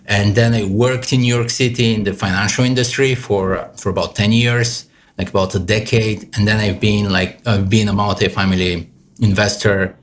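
A man's voice: fairly low pitch, fairly even intonation, normal speed. A man, answering interview questions hesitantly with many fillers. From Bulgaria. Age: 30s. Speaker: guest, real estate investor.

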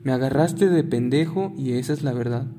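A man's voice: mid-range voice, fairly quick, in a large hall, natural voice. A man with a Mexican accent voicing a curt, bitter young man in his twenties who has been cheated on. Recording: guitar music playing behind.

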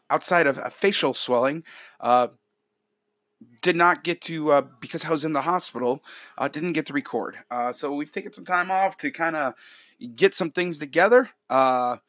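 A man with a fairly high, forceful voice hosts a sports podcast. He talks casually and gives opinions emphatically, doubling phrases for punch. The sound is dry and close. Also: no room sound. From Rochester, New York, United States.

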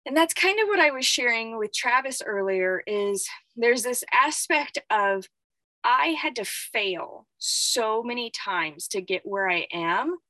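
A woman talking live on a stream, rambling and reflective, thinking out loud with lots of filler words. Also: fairly high pitch, animated, measured pace, dry recording, poor audio. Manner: reflective, self-examining. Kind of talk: unscripted live-stream talk.

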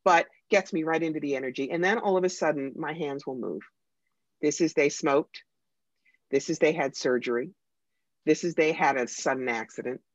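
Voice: mid-range voice, moderate pace, no echo. American psychic speaking animatedly, dry sound. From United States. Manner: animated, emphatic, wry. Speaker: psychic medium guest. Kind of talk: conversational interview storytelling. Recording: dry, slightly dull lo-fi sound.

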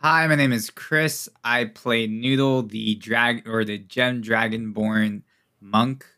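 Bright, teasing male player. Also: mid-range voice, steady tone, slow. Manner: playful, teasing. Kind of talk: casual tabletop role-play.

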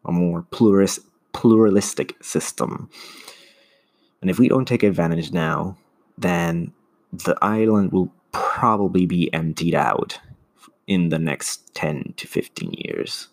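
A man's voice: low-pitched, sing-song, slow, creaky. A man hosting his own podcast, talking earnestly in a casual monologue and often restarting to find his words. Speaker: solo podcast host.

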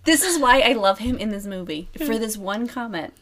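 A woman's voice: a little high, normal speed. A woman co-hosting a casual chat, retelling a movie scene by scene, acting out the characters' lines and laughing often. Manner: animated storytelling, acts out characters' lines, frequent laughter. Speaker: podcast co-host.

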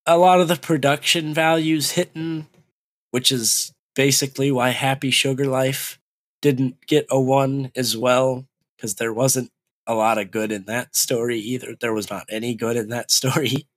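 A man co-hosting an anime review podcast, talking in blunt, profanity-laced bursts. His voice sits at an ordinary middle pitch. It is recorded close and dry, with no room sound at all. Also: normal speed, dry recording. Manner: blunt, heavy swearing, animated rants. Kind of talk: casual profane banter.

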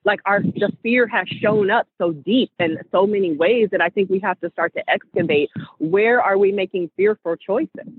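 Woman, group call co-host, earnest, rallying, husky, phone line sound. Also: mid-range voice, moderate pace, hardly any pauses, no echo. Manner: earnest, building into passionate rhetoric. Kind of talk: casual inspirational talk.

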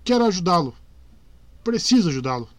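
A man's voice: high-pitched, big pitch swings, brisk, no room sound, voice pushed up. A man voicing an earnest young male knight who insistently pleads and refuses, in a dry close recording. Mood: pleading.

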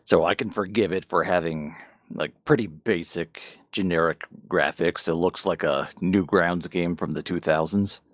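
A podcast co-host with a low voice talks at normal speed, chatting casually and frankly about games and manga with some swearing. The recording is clean studio sound with no echo.

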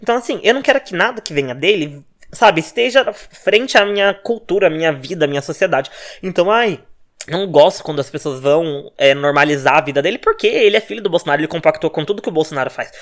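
Brazilian man ranting fast and animated. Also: fairly high pitch. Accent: Brazilian Portuguese. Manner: fast-talking, animated and profane. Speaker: podcast host. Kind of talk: casual solo podcast rant.

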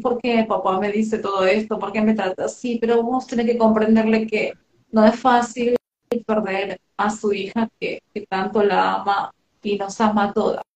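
A woman's voice: mid-range voice, darkish tone. Tender Rioplatense woman in echoey room. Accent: Rioplatense Spanish. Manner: tender, affectionate, relaying messages. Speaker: medium hosting a live session. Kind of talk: live spiritual reading.

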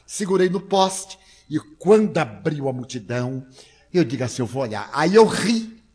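An older man tells humorous anecdotes to an audience and laughs often as he talks. His voice is husky and slightly high for a man. His pitch swings widely from line to line. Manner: animated, laughing while telling. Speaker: lecturer.

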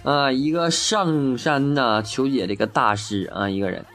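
A man's voice: medium pitch, a little slow, fairly bright tone. A man casually telling a string of jokes, acting out the quoted lines and laughing at his own punchlines. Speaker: joke teller. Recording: faint music behind.

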